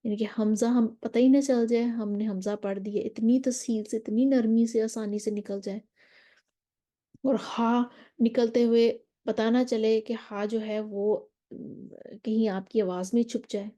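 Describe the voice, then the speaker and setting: A woman's voice: fairly high pitch, steady tone, measured pace, dark tone. A woman teaching Quran recitation in an online lesson, explaining patiently step by step over a diagram and mixing in English terms.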